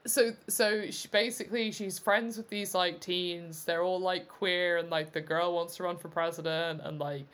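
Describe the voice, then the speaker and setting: A woman's voice: on the low side, fairly even intonation, moderate pace, hardly any pauses, a bit bright. A woman co-hosting a podcast, chatting casually about a film, rambling with many restarts. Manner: rambling, full of fillers and restarts, laughs often. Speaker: podcast co-host.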